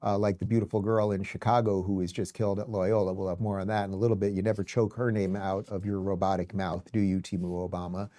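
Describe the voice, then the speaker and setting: A man's voice: deep voice, flat delivery, quick pace, hardly any pauses, warm tone, no echo. A man hosting TV opinion commentary in a combative, sarcastic, mocking way.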